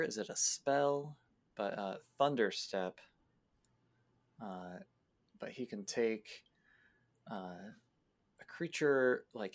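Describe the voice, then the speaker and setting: A man who plays in a tabletop game, casually retelling a session in an unhurried, meandering way. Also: on the low side. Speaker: player. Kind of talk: casual storytelling recap.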